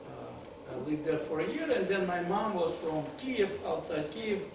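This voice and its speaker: A man born in the Soviet Union who grew up in Kyiv, Russian his first language, speaks as a guest speaker at a benefit on a lit stage in an arts center room. His somewhat high, gravelly voice is animated and unhurried, joking and laughing in broken English during an informal talk to the audience. He's far off in an echoey, noisy hall.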